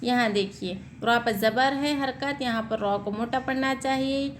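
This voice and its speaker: A woman teaching Quran reading, asking questions and answering them herself, then spelling out and reciting words slowly. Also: a little high, a little hiss or hum. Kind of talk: step-by-step recitation lesson.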